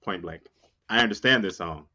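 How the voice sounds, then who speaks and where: A man's voice: low voice, normal speed, pushed and bright, highs cut off. A man co-hosting a podcast in casual chat, musing and opinionated, often repeating his phrases for rhythm. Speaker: podcast co-host.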